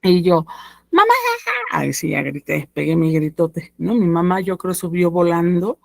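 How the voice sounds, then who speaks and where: A woman's voice: on the low side, little pitch movement, normal speed, creaky, darkish tone, no room sound. A woman, telling a personal story to a workshop group in a chatty way. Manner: conversational, frequent "¿no?" tags. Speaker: workshop speaker.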